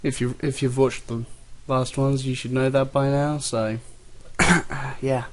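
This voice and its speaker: A man with a medium-pitched voice commentates on a video game at a slow pace. He is offhand and jokingly sarcastic, with game gunfire and faint noise behind him. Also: level tone. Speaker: let's play host. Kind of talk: casual gameplay commentary. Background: video game ambience and gunfire.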